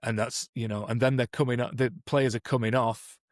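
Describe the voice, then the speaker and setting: The man's voice is medium in pitch, steady and brisk, recorded dry and clean in a studio. A native English speaker and performance coach, he co-hosts a podcast and thoughtfully explains coaching methods in a conversational manner, with many restarts and "you know"s.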